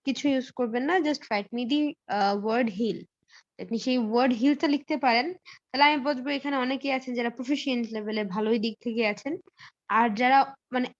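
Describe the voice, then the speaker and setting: A woman with a high voice teaches English in a live online class. She explains step by step, pausing on fillers and slipping in English phrases. Her audio sounds a little dull and lo-fi, like a computer mic on a call.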